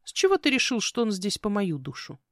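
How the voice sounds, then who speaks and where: A woman voicing a sharp-tongued young witch heroine with quick, sarcastic retorts in a fantasy audiobook. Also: medium pitch, wildly swooping pitch, no echo, studio quality, pitched above the performer's own voice. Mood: sardonic.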